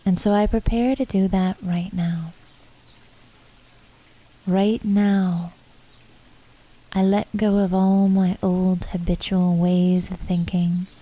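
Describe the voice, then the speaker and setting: In this dull-sounding recording, a woman with a lowish voice leads a guided meditation. Her manner is calm, reflective and unhurried, marked by pauses between thoughts and soft, breathy phrase endings.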